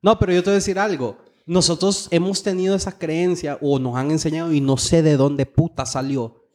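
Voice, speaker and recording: A Honduran man chatting on a podcast in a somewhat high voice. He talks loosely and slangily, swears freely and drifts into anecdotes. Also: steady tone, fairly quick, a little mellow. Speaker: podcast co-host. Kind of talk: casual chat.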